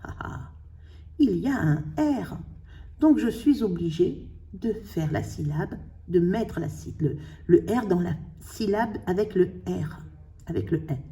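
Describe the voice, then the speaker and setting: A woman teaching a spelling lesson, slowly sounding out syllables and letters for her pupils. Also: on the low side, expressive, dark tone, recorded from a distance. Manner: slow, carefully sounding out syllables.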